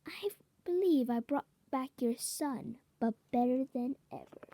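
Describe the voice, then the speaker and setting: A woman's voice: high-pitched, a little slow, mellow. A woman voicing a cold, scheming male scientist villain in a homemade story. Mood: sinister.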